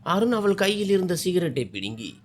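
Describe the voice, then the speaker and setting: Expressive male storyteller. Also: sits high, moderate pace. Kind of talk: scripted narration.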